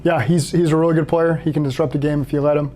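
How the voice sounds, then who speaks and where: A head coach answering interview questions and then breaking down game film in a steady, matter-of-fact way. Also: male voice, a little high, fast talker.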